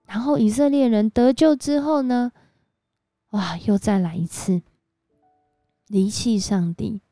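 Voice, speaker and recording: A woman giving a devotional sermon, telling a story in a lively way with frequent exclamations. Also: medium pitch, a little slow, no room sound, studio quality. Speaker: church speaker. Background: faint background music.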